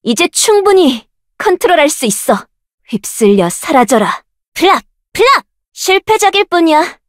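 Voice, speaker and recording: A high, lively young woman's voice, proud and sure of herself. She barks commanding skill shouts in bold, confident bursts. The sound is close and dry, with no room around it. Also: moderate pace, no echo. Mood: battle shouts. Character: proud, confident young woman researcher of dark rift powers. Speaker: voice actress for a game character. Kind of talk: game voice lines, battle shouts.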